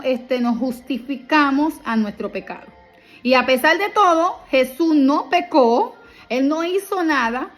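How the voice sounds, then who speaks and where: A woman teaching a Bible passage in a heartfelt, emphatic way, full of rhetorical questions. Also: high-pitched. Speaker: preacher.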